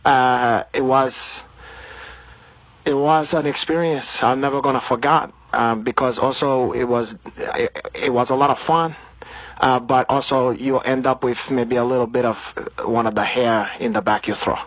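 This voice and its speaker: A man with a Brazilian accent hosting crude comic banter in halting, repetitive, sweary broken English. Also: medium pitch, fairly even intonation, a bit bright, no room sound. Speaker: comic show host. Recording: dry, dull lo-fi radio sound.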